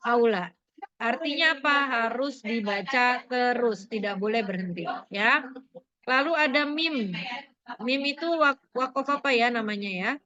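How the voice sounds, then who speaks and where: A woman's voice: sits high, pushed and bright, dull audio. A woman teacher going over a lesson with her class, asking questions and prompting students for answers. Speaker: religious studies teacher.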